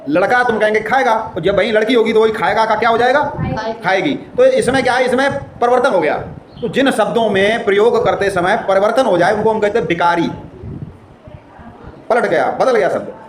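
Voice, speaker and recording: A man's voice: high voice, fairly quick. A man teaching a grammar lesson. He explains with everyday examples and asks questions as he goes. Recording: echoey room with faint noise.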